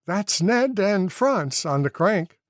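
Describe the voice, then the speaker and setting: A man voicing an eager, friendly young male airship pilot who talks in a brisk, reassuring way. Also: high voice, big pitch swings, no echo, clean studio sound, voice pushed up, full character voice.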